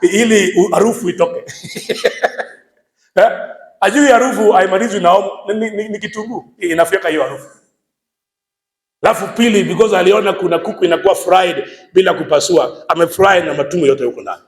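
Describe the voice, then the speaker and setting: Kenyan pastor guy, really high voice, lively sermon with shouty bits, echoey room. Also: fast talker. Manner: lively preaching, mixing English and Swahili, bursts of shouted emphasis.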